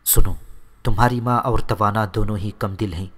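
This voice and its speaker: A man voicing a brave young male warrior who gives calm, firm orders to his family. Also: on the low side. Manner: firm, commanding.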